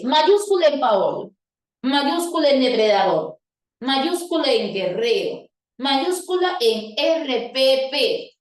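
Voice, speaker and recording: A woman teaching a grammar lesson, explaining step by step and quizzing her students with questions. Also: fairly high pitch. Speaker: language teacher. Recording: echoey room, voice from a distance.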